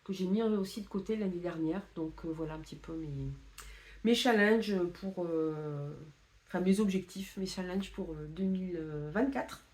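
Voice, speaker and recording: A woman's voice: fairly low pitch, moderate pace, darkish tone. A woman chatting casually to camera about her reading plans, with many fillers and restarts. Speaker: book vlogger.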